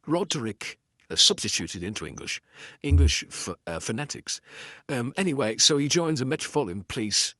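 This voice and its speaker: A man's voice: medium pitch, big pitch swings, a little fast, pushed and bright, dry recording, clean studio sound. A middle-aged man with a Geordie accent chatting about a detective book, wandering into self-deprecating asides, with lots of ums and false starts. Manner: digressive, self-deprecating, full of ums and restarts. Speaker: audiobook narrator. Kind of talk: casual rambling commentary.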